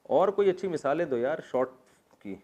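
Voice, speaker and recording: A man's voice: fairly high pitch, expressive, dark tone, dull audio. Pakistani-accented man teaching a grammar lesson. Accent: Pakistani Urdu. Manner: explains step by step, asks students questions, jokes. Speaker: religious teacher. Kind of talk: classroom Quran grammar lesson.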